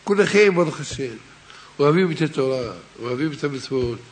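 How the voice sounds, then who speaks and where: Male preacher, higher-pitched, lively parable-telling sermon, fervent, direct to congregation. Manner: animated storyteller, swings between hushed and raised delivery; addresses listeners directly and fervently. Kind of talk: Torah sermon with a told parable.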